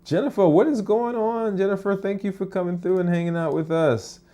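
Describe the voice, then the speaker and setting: A male physician hosts a casual live stream from his office, answering viewer comments in a chatty way full of fillers and restarts. His voice is high, brisk, and mellow.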